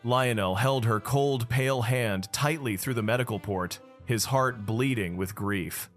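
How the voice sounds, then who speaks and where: Male narrator, mid pitch, dramatic first-person storytelling, story recap. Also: measured pace, faint music behind.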